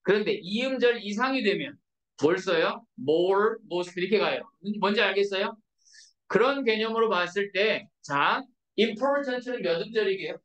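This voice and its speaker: A woman teaches grammar to a room of students, peppering every point with quick questions to check they follow. Her voice sits at an ordinary pitch. It reaches the mic from a distance, with the hollow echo of a bare classroom around it. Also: expressive. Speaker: English teacher. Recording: echoey classroom from far off.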